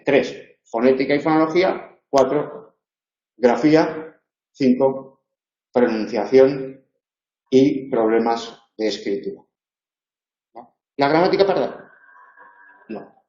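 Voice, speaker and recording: A university lecturer gives an online tutoring lecture in a roomy but dull-sounding room, explaining things and demonstrating sounds slowly. He has a mid-range voice with a dark tone.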